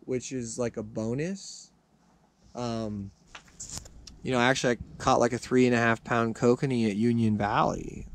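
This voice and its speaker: A man with a Californian accent hosting a fishing channel, giving casual tips in a relaxed, rambling way with many fillers and restarts. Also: medium pitch, slight background noise. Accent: Californian English.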